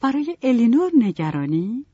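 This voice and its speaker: A woman voicing a kindly middle-aged mother in a storybook reading, speaking gently. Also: a little high, big pitch swings, husky, no echo, voice pushed up. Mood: motherly. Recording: dull, dry, lo-fi.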